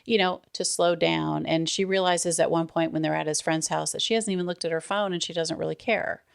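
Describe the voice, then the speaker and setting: A woman's voice: low voice, fairly even intonation, brisk, gravelly, smooth, no echo, clean studio sound. A middle-aged woman co-hosting a podcast in casual chat, rambling and laughing often. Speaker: podcast co-host.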